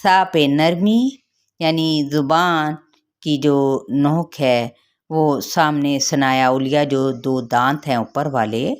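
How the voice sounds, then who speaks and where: A woman with a Pakistani Urdu accent teaching Quran recitation rules, explaining each letter slowly and carefully. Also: low voice, clean tone. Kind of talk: tajweed lesson with recitation.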